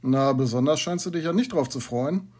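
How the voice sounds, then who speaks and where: A man voicing a brisk, gruffly kind middle-aged teacher with a husky voice. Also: fairly high pitch, pitched above the performer's own voice. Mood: questioning. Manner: brisk and gruffly warm, emphatic.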